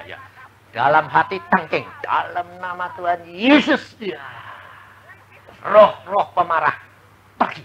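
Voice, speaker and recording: A male pastor preaching a sermon in a folksy way, swinging from loud exclamations to hushed asides. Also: sits high. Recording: muffled old sermon recording, faint hiss.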